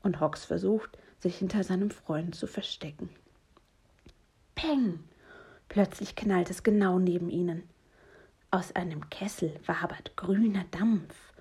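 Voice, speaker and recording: A woman reading a children's bedtime story aloud, soft and gentle, often hushed. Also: fairly low pitch, steady tone, a little slow, breathy edge. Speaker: reader.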